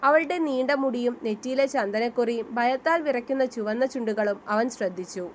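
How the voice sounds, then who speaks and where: A woman's voice: fairly high pitch, normal speed, a little hiss or hum. A woman narrating a written story and reading the characters' lines in her own voice. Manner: reads all the characters' dialogue in her own voice.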